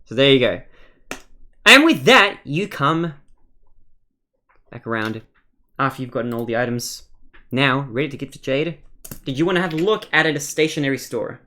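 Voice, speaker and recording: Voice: mid-range voice, expressive, normal speed, long pauses, pushed and bright. Casual tabletop game master, mid-range voice, playful and exclamatory in narration.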